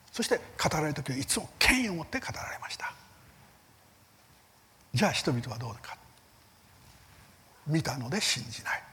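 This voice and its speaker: Male Bible teacher, church seminar lecture; earnest, emphatic, with rhetorical questions and a very animated, rising and falling pitch. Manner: lively rises in pitch on key words, soft fading line ends.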